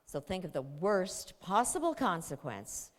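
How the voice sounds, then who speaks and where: A woman voicing a patient mother who speaks in a soft, measured, coaxing way. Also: lowish voice, very animated. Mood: calm firm. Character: patient mother, calm and gently firm. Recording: long hall reverb.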